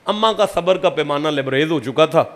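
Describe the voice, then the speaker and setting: A man from Pakistan, preaching a sermon and telling a story that swings from hushed tones to shouting. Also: a little high.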